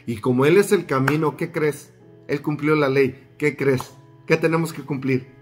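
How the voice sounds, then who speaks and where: A man's voice: fairly high pitch, moderate pace, soft background music. A man preaching a sermon, reading scripture aloud, repeating phrases for emphasis and putting questions to his listeners.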